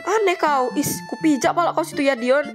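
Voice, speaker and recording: A woman's voice: high-pitched, a little fast, faint music behind, close to an everyday voice. A woman doing Nes, blunt gossipy schoolgirl. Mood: annoyed. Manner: blunt, teasing, slangy. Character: Nes, sharp-tongued teenage schoolgirl who loves gossip. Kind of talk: casual role-play drama voices.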